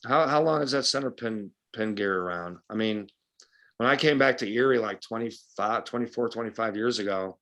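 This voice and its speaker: A man's voice: lowish voice, moderate pace, a bit bright. A man from western New York talking bluntly and casually as a fishing guide at a club meeting, with a folksy, opinionated way of speaking.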